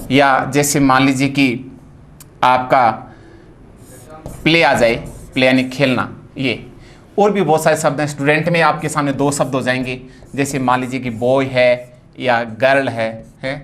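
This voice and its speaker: A man's voice: medium pitch, a bit bright. Hindi-accented male teacher explaining phonetics. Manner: explanatory, repeats "dekhiye" often. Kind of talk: exam-prep phonetics lesson.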